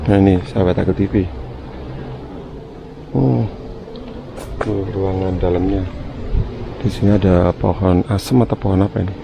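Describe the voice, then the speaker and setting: In a noisy handheld recording with ambient hum, a vlogger explores the outside of an overgrown empty house, talking to his viewers in a casual but hesitant, uneasy way. His voice sits low with a steady tone, normal speed, vocal fry, and frequent pauses.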